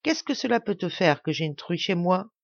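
Pious old man, gentle and trusting, fatherly tone, storybook voice, read by a woman, dull dry recording. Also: fairly low pitch, expressive, moderate pace, vocal fry, no room sound.

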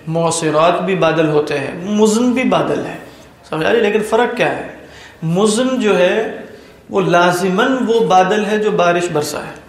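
A male Quran teacher giving a classroom lecture, quizzing his students and then answering himself, reciting Arabic slowly and deliberately. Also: high voice. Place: lecture room at an academy. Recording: echoey room.

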